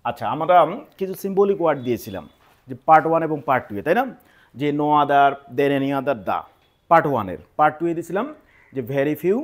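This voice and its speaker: High-voiced male teacher quizzing the class. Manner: asks questions and answers them himself; reads the board's English examples slowly. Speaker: English grammar teacher. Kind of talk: classroom grammar lesson.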